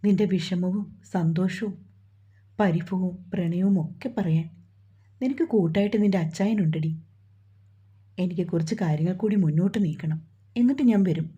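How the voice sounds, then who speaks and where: Brief: woman reading a tender, protective young man, husky and mellow, dull lo-fi sound. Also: fairly low pitch, moderate pace, pauses often. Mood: soothing. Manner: tender, coaxing.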